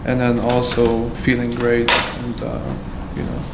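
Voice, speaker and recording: A man from Afghanistan tells his story as a patient in a monotone, with hardly any rise or fall in his voice. He halts often, filling gaps with fillers and restarting his sentences. The room echoes and there is clear noise behind him. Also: medium pitch. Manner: halting, with many fillers and restarts. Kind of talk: candid personal testimony.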